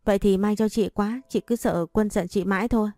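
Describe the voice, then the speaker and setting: A woman's voice: mid-range voice, steady tone, brisk, dark tone, no echo, lightly acted. A woman voicing a spiteful, jealous schoolgirl in a storybook reading, snapping and pushy.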